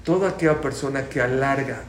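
Fairly quick and mid-range in voice, this prayer class teacher explains points and quizzes his students in a lively way. He asks questions and repeats key points loudly, recorded in an echoey room with faint background noise.

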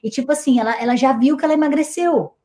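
Energetic woman coaching on a live stream. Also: sits high, quick pace. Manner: emphatic, self-described energetic, scolding but affectionate. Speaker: weight-loss coach hosting a live stream. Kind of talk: energetic motivational live chat.

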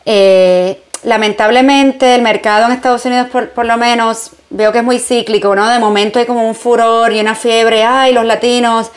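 A Puerto Rican woman with a Puerto Rican Spanish accent speaks at a normal speed in a fairly high, fairly even voice with hardly any pauses. She is a journalist and entrepreneur appearing as a guest, answering interview questions reflectively and conversationally. She mixes in English phrases and uses frequent fillers.

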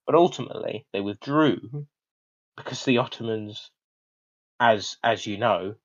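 A man's voice: lowish voice, unhurried. A young British man from Britain co-hosting a casual history podcast, rambling loosely and swearing now and then. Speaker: co-host. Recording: slightly dull lo-fi audio.

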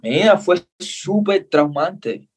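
A man's voice: high-pitched, slow pace, slightly rough. A young man from Cuba with a Cuban Spanish accent, a guest in a casual interview, telling his story earnestly and acting out the voices of the people in it. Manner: earnest, animated storyteller, acts out dialogue.

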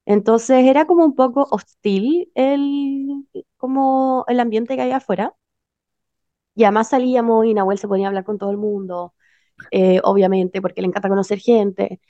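A woman's voice: a little high, steady tone, normal speed, dark tone, dry recording. A young woman with a Chilean Spanish accent telling a story over a video call, casual and full of slang and fillers. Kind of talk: casual chat among friends. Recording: muffled lo-fi sound.

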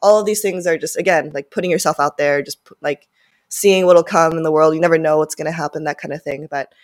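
A Japanese woman in her twenties, born and raised in Japan with Japanese as her first language, is a startup founder answering interview questions as a guest. She rambles casually with many fillers, speaking fast in a low-sitting, steady voice.

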